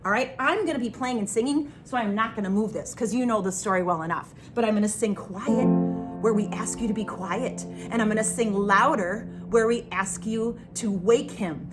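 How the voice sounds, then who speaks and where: A woman music teacher talking to young children in an online lesson, asking them questions and telling a story with animated expression. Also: mid-range voice, moderate pace.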